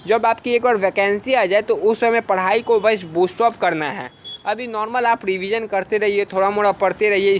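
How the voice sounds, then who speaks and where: A man's voice: high-pitched, a bit bright, slight background noise. A man who coaches students for defence exams, talking casually and earnestly to them in a vlog, urging them on and asking rhetorical questions. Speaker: defence exam coaching teacher.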